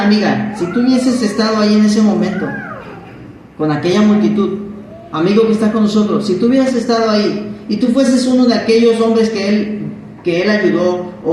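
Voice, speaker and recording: A man's voice: high voice, darkish tone, a little hiss or hum. A man preaching a Bible-study sermon, asking the congregation questions and acting out quotes. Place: church hall. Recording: very echoey hall from far off.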